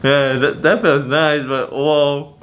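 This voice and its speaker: A man's voice: fairly high pitch, level tone, slow, a bit bright, reverberant, highs cut off, slight background noise. A man as a chiropractic patient, giving brief, agreeable, informal replies and reactions.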